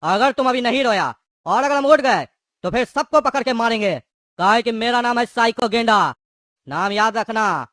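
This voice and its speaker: A man's voice: extremely high pitch, expressive, moderate pace, a bit bright, no echo, studio quality. A voice actor playing a hot-tempered male gangster in a cartoon, taunting and threatening. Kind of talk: cartoon voice acting.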